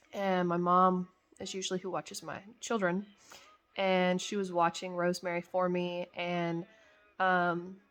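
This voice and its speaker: A tired young woman with a lowish, slightly bright voice yawns now and then as she chattily gives a mother's testimony about her baby. In this casual account, she quotes both herself and others.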